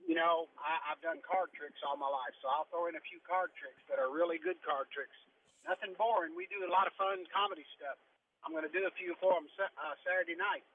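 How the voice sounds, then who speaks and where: A man's voice: fairly high pitch, fairly quick. A chatty magician and comedian on a call from his car, his voice muffled as if talking through a tube. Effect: muffled phone line, as if talking through a tube. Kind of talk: casual phone interview. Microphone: cell phone. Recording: tinny phone line with faint noise.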